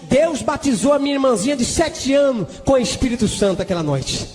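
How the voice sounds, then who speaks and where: Very high-voiced male preacher, fervent. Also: lively intonation, fairly quick. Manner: fervent storytelling with sudden shouted exclamations; breaks into tongues between sentences. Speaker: preacher giving a testimony. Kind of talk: sermon testimony. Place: church hall. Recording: echoey church hall with music behind.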